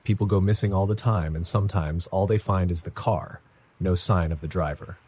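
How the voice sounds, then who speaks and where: A man's voice: sits low, brisk, a little mellow, slightly rough. A man voicing a wiry, middle-aged trucker with a menacing, drawling manner in a horror story reading. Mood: ominous.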